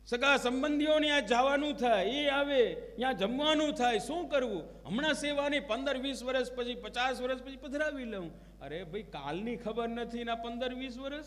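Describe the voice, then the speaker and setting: This man's voice is very high-pitched and a bit bright. A religious preacher, he gives a devotional discourse, telling stories and acting out quoted prayers and dialogue. The recording has a long hall reverb.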